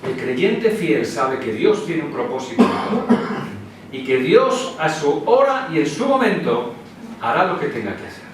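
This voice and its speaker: A man's voice: a little high, very animated, unhurried, a little hiss or hum. A man with a Spanish accent preaching a sermon in a church hall, telling the story in a casual, conversational way and acting out the quotes. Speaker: pastor. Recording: very echoey hall, preacher far from mic.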